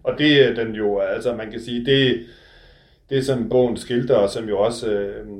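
A man's voice: medium pitch, echoey room. A man reading from his novel, then discussing it in a reflective, hesitant way. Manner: measured, reflective, hesitant with fillers when speaking freely. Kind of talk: literary reading, then interview talk.

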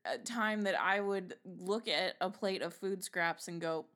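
A woman co-hosting a casual podcast, giving animated, drawn-out reactions. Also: on the low side. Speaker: podcast co-host. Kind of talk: casual chat.

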